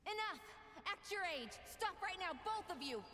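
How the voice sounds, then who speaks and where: A woman's voice: a little high, lively intonation, unhurried, slight background noise. An actress playing a spirited young woman and bossy, earnest peacemaker in a video game. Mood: scolding, urgent. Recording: loud music over the voice.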